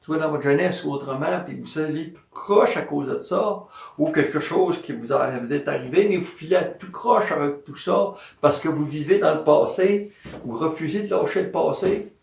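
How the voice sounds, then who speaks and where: With vocal fry and a pitch on the high side, a Quebec French-accented man talks at normal speed. The massage therapist's informal health talk is animated, full of repeated points and self-answered questions. Sound is echoey, the mic placed at a distance.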